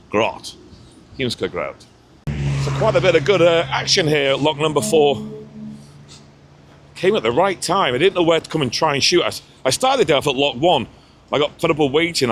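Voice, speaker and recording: A man's voice: medium pitch, a bit bright, a little hiss or hum. A man vlogging outdoors beside a canal lock, chatting loosely and laughing at himself as he walks and films on a handheld camera. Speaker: ship-watching vlogger. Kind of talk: casual on-location commentary.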